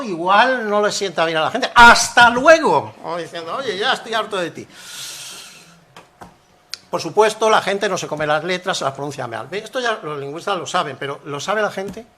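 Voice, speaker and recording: An older man giving a university conference lecture, animated and rhetorical, often acting out the phrases he quotes. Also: sits high. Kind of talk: academic conference talk.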